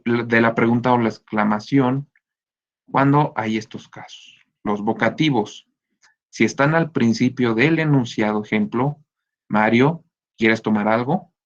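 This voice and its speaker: A man's voice: medium pitch, gravelly. A man teaching an online reading class, explaining step by step and often checking in with his listeners. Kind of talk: online class lecture on punctuation. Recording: dull lo-fi recording.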